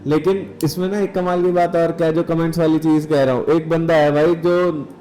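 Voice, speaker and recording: A man's voice: fairly high pitch, level tone, fairly quick, dark tone, slight background noise. Chatty podcast host, man. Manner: chatty, laughs often, friendly questions. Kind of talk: casual podcast chat.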